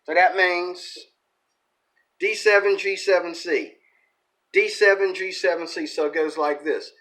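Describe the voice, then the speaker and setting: A ukulele teacher and channel host gives an informal lesson with playing, thinking aloud in a rambling, folksy way and correcting himself along the way as ukulele strumming sounds in the background. His voice sits high and fairly bright, with fairly even intonation and a slightly slow pace.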